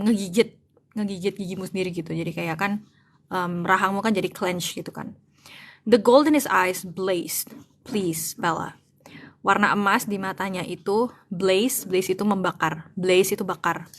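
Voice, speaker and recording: A woman's voice: medium pitch, fairly bright tone. A woman reading a novel aloud in English and translating it line by line into Indonesian. She talks casually, thinks aloud and searches for words, and mixes both languages freely. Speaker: online English-to-Indonesian tutor.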